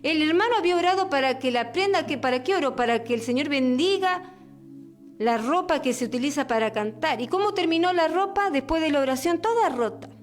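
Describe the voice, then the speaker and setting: A woman preaches on the radio in a high, earnest voice. She circles back over her words and fills her prayer with repeated calls to the Father and the Lord. Faint music sits underneath. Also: animated, a little fast. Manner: earnest, repeats words and restarts, prayer full of "Padre" and "Señor".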